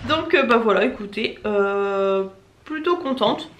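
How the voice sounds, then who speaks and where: A woman's voice: on the high side, animated, unhurried, fairly bright tone, dull audio. A young woman with a Marseille accent chatting casually to camera as a family vlogger, rambling and correcting herself as she unboxes. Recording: echoey room with faint noise.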